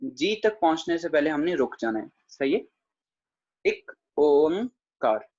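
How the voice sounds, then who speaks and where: Over a dull, lo-fi video call, a Gurbani grammar teacher lectures online on how to pronounce scripture. His voice sits on the high side with a darkish tone and lots of animation, yet he demonstrates the sounds slowly, syllable by syllable, and addresses the congregation respectfully.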